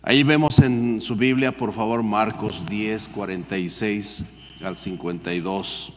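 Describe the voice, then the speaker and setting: A male pastor leading a Bible study, reading scripture and commenting on it while often calling listeners "brother", his voice rising high and loud at the emotional peaks. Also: fairly even intonation, a little slow, a little hiss or hum. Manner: reads scripture aloud, then comments, often addressing listeners as "hermano"; voice rises sharply in pitch and loudness when repeating the cry for mercy. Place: church. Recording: long church hall reverb.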